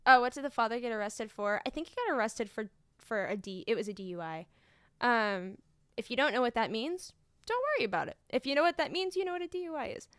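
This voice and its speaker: A woman's voice: a little high, expressive, fast talker, fairly bright tone, clear, resonant tone, dry recording, clean studio sound. A young woman, a student teacher streaming, telling funny classroom stories in casual chat with lots of fillers and laughter. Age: young adult. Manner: chatty storyteller, laughing often, lots of fillers.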